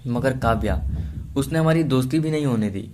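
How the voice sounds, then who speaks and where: A man's voice: medium pitch, lively intonation, normal speed, background noise, lightly acted. Moody, hot-tempered young lover, voiced by a male narrator, raised and snappy. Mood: heated. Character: moody, lovesick young man, quick-tempered.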